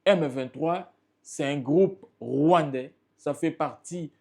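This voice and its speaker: Gravelly and darkish in tone, this man's voice sits a little high and moves slowly. He is a Congolese French-accented political party spokesperson, guesting in an interview and speaking with emphasis and passion.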